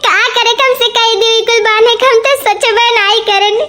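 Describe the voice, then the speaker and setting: In a very high, steady, sharp-toned voice at a moderate pace, a performer plays a weepy young wife from an Awadhi animated comedy. Missing her brother, the character rambles on in long, self-pitying complaints.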